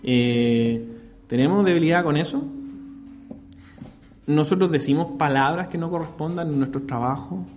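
A man preaches a sermon in a slightly high voice, chatting with the congregation and tossing in rhetorical questions. He acts out people's excuses in quick quoted asides. Faint noise sits behind him. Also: a little mellow. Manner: conversational preaching with frequent rhetorical "¿cierto?" tags. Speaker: pastor.

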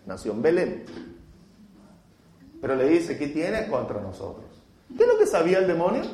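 Man preaching a sermon, dramatic questions, high voice, echoey church. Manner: dramatic, slow, full of rhetorical questions. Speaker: pastor. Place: church hall. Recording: roomy church echo.

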